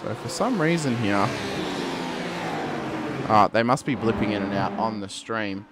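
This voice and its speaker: Speaking right to the audience, this male commentator delivers spirited play-by-play of a sim race, getting louder when big moments hit. He has a lowish voice and a measured pace, though the audio is very noisy.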